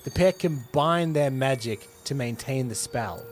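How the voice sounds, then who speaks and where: A man hosting a podcast, casually retelling a film script with animated delivery and frequent laughs. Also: medium pitch, a little slow, faint music behind. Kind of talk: casual storytelling chat.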